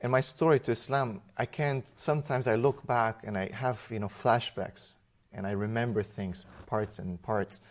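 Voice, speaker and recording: Romanian-born male guest, lowish voice, animated storytelling with restarts. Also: normal speed. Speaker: interview guest. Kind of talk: conversational personal testimony.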